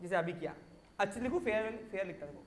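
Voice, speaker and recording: A man's voice: sits high, expressive, fast, echoey room, slight background noise. A male commerce teacher, lecturing through a story and asking students rhetorical questions.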